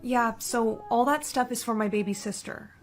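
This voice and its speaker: A woman's voice: a little high, moderate pace. A woman acting as a daughter in comedy skits, whiny and pleading, with faint background music.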